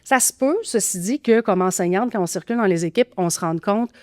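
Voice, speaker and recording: A woman's voice: mid-range voice, fairly quick, no echo, studio quality. A woman with a Québécois accent explaining teaching methods as a podcast guest, thoughtful with frequent fillers and restarts. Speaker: grammar teaching expert guest.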